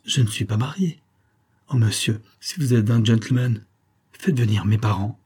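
A frightened, confused young wife back from the grave, voiced by a man reading a storybook. Her lines come low, dark and husky, with the man's own voice showing through. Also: moderate pace. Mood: bewildered. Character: bewildered young woman newly returned from death. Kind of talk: audiobook character reading.

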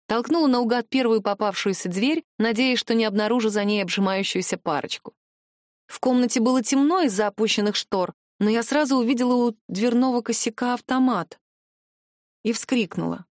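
A woman reading a first-person audiobook in a steady storytelling manner. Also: on the high side, fairly quick, dry recording, studio quality. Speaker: audiobook narrator.

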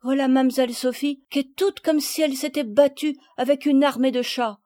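Old countrywoman gardener for a storybook reading, loud and high, rustic and scolding, as a woman reader puts her on. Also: fairly even intonation, moderate pace, no echo, studio quality, natural voice.

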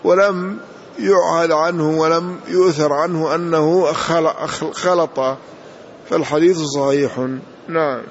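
A man gives a classroom hadith explanation, correcting his reader and adding notes with a frequent "yes". His voice sits fairly high for a man. The recording is dull and lo-fi, with faint noise behind. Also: steady tone, measured pace. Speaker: sheikh teaching hadith.

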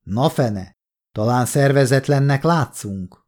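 A man reading an audiobook, voicing a gruff, scornful male partisan commander who talks in blunt, mocking orders. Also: mid-range voice, expressive, a little mellow, natural voice.

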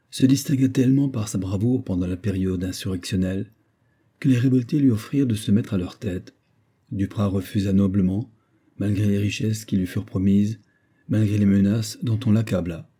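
A man reads a novel aloud as audiobook narration, steady and even. His voice is very dark and mellow, with a husky edge. It sits a little low.

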